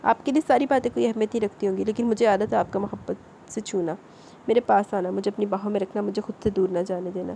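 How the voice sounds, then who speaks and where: A woman's voice: mid-range voice, steady tone, creaky, dark tone, slight background noise, close to an everyday voice. A woman voicing an emotional young village bride who pleads tearfully with her husband.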